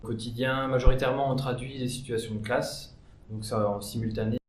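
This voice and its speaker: A man's voice: mid-range voice, steady tone, a little fast. A man working as a sign language interpreter, introducing himself in an interview with many fillers. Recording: echoey room, faint ambience.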